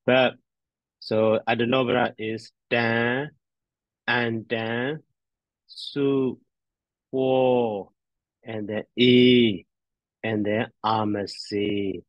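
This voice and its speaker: A man teaching grammar as he recites word forms, halting and repetitive as he thinks aloud. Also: on the low side, little pitch movement. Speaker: teacher, addressed as a Buddhist monk. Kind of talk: grammar lesson on verb endings, reciting forms. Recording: dull, roomy lo-fi audio.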